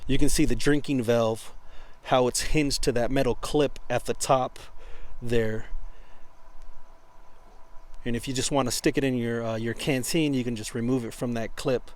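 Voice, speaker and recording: A man giving an informal hands-on product demonstration, speaking haltingly as he searches for words. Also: mid-range voice, fairly even intonation, darkish tone. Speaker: product reviewer.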